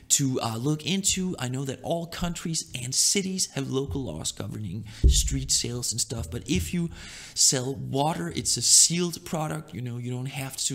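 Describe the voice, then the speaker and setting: Young man from Denmark, vlog host, mid-pitched and a bit creaky, loose conversational delivery. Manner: loose, chatty, often asks "right?". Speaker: online business vlogger. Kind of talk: casual advice monologue.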